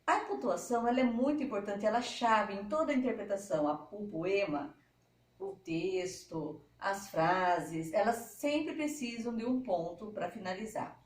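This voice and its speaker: A woman's voice: medium pitch, a little slow. A woman teacher giving a patient, step-by-step lesson to schoolchildren. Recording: echoey room, mic at a distance.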